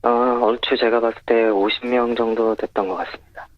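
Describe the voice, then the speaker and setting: An anonymous male witness talks over a phone line, his voice lowered by a voice changer, and gives brief, matter-of-fact answers. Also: little pitch movement, brisk, no echo. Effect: voice disguised by a pitch-lowering voice changer. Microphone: phone call. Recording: dull, muffled phone-line sound.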